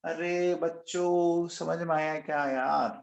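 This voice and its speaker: A man with a fairly high, creaky voice and fairly even intonation speaks slowly in a live online chemistry lecture. The sound is reverberant and lo-fi. Again and again he coaxes and quizzes students, raising his voice for answers and saying he's shouting nonstop.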